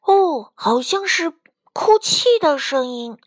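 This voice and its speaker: A woman voicing an excited young chick with a squeaky, eager voice. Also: normal speed, no echo, clean studio sound, full character voice.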